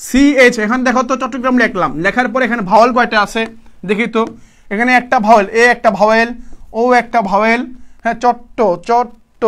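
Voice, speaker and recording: A young man with a very high voice leads a live exam-prep class. He keeps firing quick questions and answering them himself, repeating each point in a casual, brotherly tone. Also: fairly bright tone. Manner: repetitive, drilling students with quick questions and answers; colloquial, addresses students as brother. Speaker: teacher.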